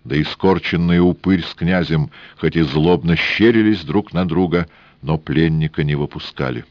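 A man reading an audiobook in a measured, even storytelling manner. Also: deep voice, no echo, muffled recording. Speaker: audiobook reader. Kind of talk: scripted audiobook narration.

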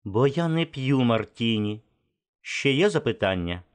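A man voicing a proud, sharp-tongued young woman in an audiobook, speaking in a hushed, tense way. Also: mid-range voice, lively intonation, a little slow, clean tone, voice pushed up, lightly acted. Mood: cool and sharp.

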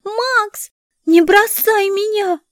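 A woman voicing a frightened, desperate young woman with a higher, pleading, frantic voice. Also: a little slow, a little mellow, no echo, clean studio sound, lightly acted.

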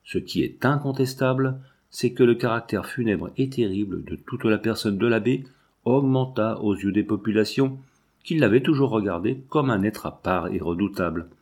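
A man reading a classic novel aloud as scripted narration, measured and solemn. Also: lowish voice, darkish tone, husky. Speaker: audiobook reader.

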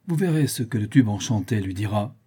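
A man's voice: on the low side, animated, brisk, dark tone, breathy edge. A man playing a haughty English adventurer. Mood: commanding. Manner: haughty, commanding. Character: bold English adventurer, commanding.

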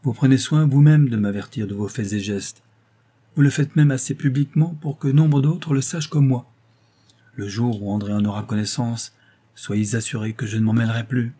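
A man's voice: mid-range voice, normal speed, mellow, natural voice. A man voicing a stern middle-aged doctor in an audiobook of a novel, speaking coldly, with cutting irony. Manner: cold, cutting, ironic.

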